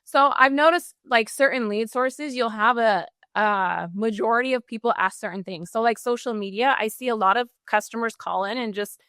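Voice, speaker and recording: A woman's voice: on the high side, fairly bright tone, clean tone, no echo, clean studio sound. A woman guest on a podcast, answering with enthusiasm in a coaching tone. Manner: enthusiastic, coaching tone with quick acted examples. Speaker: podcast guest, customer service trainer. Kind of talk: energetic interview answers.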